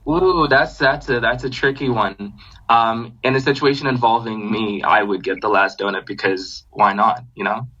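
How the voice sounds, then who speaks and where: A young man from Zambia, raised in Botswana, guesting on a podcast and telling his story in a relaxed, casual way with lots of "um" and "you know". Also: medium pitch, normal speed, husky. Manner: relaxed storytelling with many fillers. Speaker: guest singer-songwriter. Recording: slightly dull lo-fi podcast audio.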